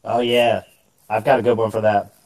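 A man's voice: lowish voice, level tone, normal speed, a little mellow. A man co-hosting a casual chat over a video call, his voice heavily echoing so his phrases repeat back, sounding eager as he starts to share a story. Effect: heavy echo on his call audio, phrases repeating back. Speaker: podcast co-host. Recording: distant echoing call line.

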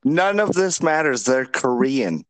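A man's voice: mid-range voice, big pitch swings, unhurried, no room sound, poor audio. A man hosting a podcast, teasing and needling his guest in casual banter. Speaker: podcast host.

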